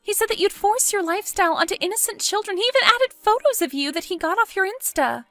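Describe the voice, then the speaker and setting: A woman voicing an excitable, pushy young woman friend in an animated story, exclaiming and goading. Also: very high voice, fast, faint music behind, pitched above the performer's own voice, exaggerated voice. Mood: worried.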